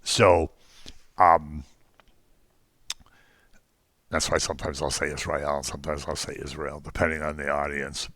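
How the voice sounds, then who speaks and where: A man's voice: very deep voice, a bit bright, dry recording, studio quality. A man teaching an informal Bible class, talking conversationally with frequent ums and jokey asides to the class.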